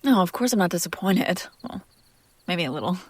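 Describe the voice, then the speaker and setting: Speaking fairly quickly with lively intonation and a lowish pitch, a woman voices a possessive, sardonic and curious female demon talking straight to the listener in a wry, intimate roleplay. Her mood is baffled and irritated, her manner teasing and chatty, with slips into hushed whispers. There's no room sound.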